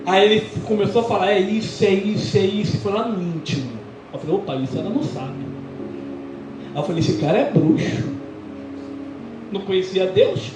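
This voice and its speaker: High-voiced Brazilian pastor preaching testimony. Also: male voice, fairly quick. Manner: animated storytelling, acting out quoted dialogue. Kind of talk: sermon testimony. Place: church. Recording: echoey church with music behind. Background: music.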